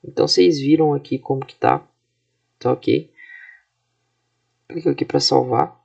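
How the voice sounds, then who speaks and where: A man in his twenties from Brazil, a student walking through his software project in a casual, explanatory way, often checking in with his listeners. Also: medium pitch, measured pace, gravelly, lo-fi sound. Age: 20s. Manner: casual, explanatory, frequent fillers and tag questions. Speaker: student presenting a class project. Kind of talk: screen-recorded software walkthrough.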